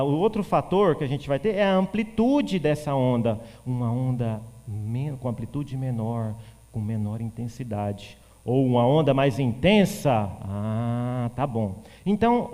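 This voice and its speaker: A man from teaching physics for exam prep, animated, answering questions he voices himself for a student. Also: fairly high pitch, big-room sound. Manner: animated, plays the student asking questions in a shifted voice.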